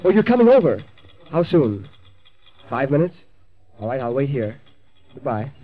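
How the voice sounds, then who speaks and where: An actor playing an earnest, steady railroad boss in an old radio drama, plain-spoken and commanding. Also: male voice, mid-range voice, normal speed, close to an everyday voice. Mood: worried, subdued. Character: earnest, steady railroad superintendent in charge of crew. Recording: dull, lo-fi old radio recording.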